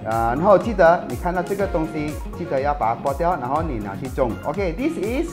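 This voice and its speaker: Recorded on a lapel mic at a market and in his own kitchen, a middle-aged cooking-show host chatters excitedly in mixed English and Mandarin. His voice is on the high side, and he speaks quickly over music.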